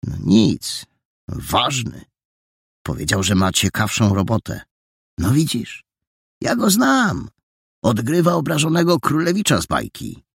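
A soft-hearted, hesitant boy, as a man puts him on in a storybook reading, his pitch lifted well above the narrator's. His speech wavers between earnest and hushed, with a breathy, husky grain and dry, close sound. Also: wildly swooping pitch, unhurried, pauses often, no room sound, heavily acted. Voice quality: hesitant, half-whispered at times.

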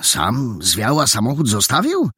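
A man's voice: medium pitch, wildly swooping pitch, a little slow, pushed and bright, breathy edge, no echo, exaggerated voice. A man voicing a skeptical, wry young boy detective. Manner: dry, doubting questions.

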